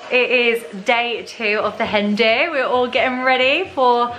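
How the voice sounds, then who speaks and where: A British woman in her twenties chatting casually and excitably to a handheld vlog camera at a hen party. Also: fairly high pitch, unhurried. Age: 20s. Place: busy bars and a house kitchen. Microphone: handheld camera at arm's length. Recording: loud music and party crowd behind.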